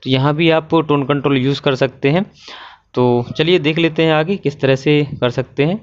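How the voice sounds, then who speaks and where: A man presenting an electronics tutorial, walking through a circuit diagram step by step in a patient way with many filler pauses. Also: fairly high pitch, muffled recording.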